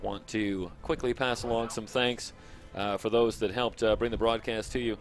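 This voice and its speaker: A man hosting a live sports broadcast, ad-libbing his sign-off in a halting way. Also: lowish voice, fairly even intonation. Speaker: play-by-play broadcast host.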